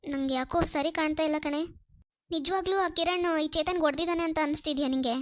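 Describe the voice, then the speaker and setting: A woman voicing a doubtful, outspoken young female friend in a cartoon, talking quickly and suspiciously. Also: high voice, dry recording, clean studio sound, close to an everyday voice. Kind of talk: Kannada cartoon voice acting.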